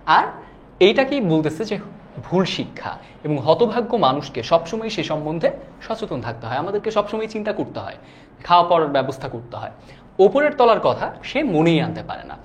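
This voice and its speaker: A man's voice: on the high side, sing-song, brisk, a little hiss or hum. A young man teaching a live online class. He talks casually, reads viewer comments aloud and keeps checking whether students follow. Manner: casual and chatty, often asks "do you understand?".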